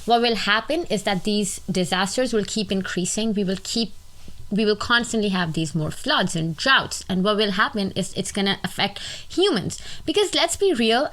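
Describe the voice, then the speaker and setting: A young woman co-hosting a casual podcast chat, animated and emphatic as she makes her points. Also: mid-range voice, moderate pace. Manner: animated, emphatic, mocking quoted voices. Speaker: podcast co-host.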